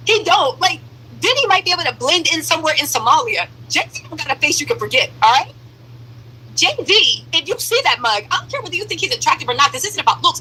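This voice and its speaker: A woman's live-stream commentary played back sped up, so she sounds like a chipmunk, blunt and joking with quick asides. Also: bright, forceful tone, rough recording. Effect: sped-up playback, chipmunk-like high voice.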